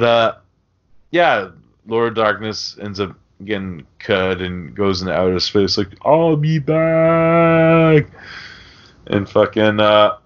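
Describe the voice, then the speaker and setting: A man co-hosts a podcast, talking about film in a casual, rambling, sweary, conversational way. His voice is lowish, a bit bright, clear and resonant, and the podcast audio is dull and lo-fi.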